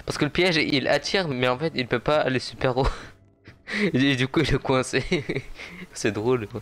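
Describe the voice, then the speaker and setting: Young male gaming commentator, excitable, laughs a lot, mid-pitched. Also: moderate pace. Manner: excitable, laughs often, talks to viewers. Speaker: gaming YouTuber. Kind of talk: casual gameplay commentary.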